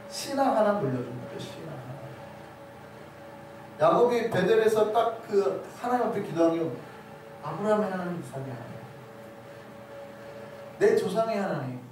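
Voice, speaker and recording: A man's voice: high voice, a little hiss or hum. A man preaching a sermon as pastor, asking his congregation rhetorical questions. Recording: very echoey hall, voice from a distance.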